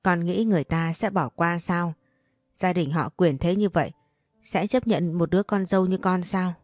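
A woman's voice: on the low side, normal speed, darkish tone, no room sound, clean studio sound, soft background music, natural voice. A woman reading as an anguished middle-aged mother. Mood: imploring.

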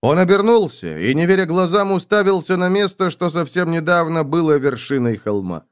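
A man reading a fantasy audiobook aloud, voicing all the characters himself and shouting their battle orders. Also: on the high side, lively intonation, moderate pace, clean tone. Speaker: audiobook narrator.

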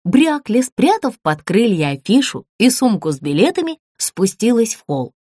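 A woman narrating a children's audiobook, expressive and animated. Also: a little high, moderate pace.

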